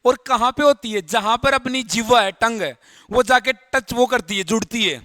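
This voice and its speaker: High-voiced Hindi biology teacher quizzing students. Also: male voice, normal speed, bright, forceful tone, no echo. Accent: Rajasthani Hindi. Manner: explains step by step, repeating key terms and quizzing students. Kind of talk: classroom lecture.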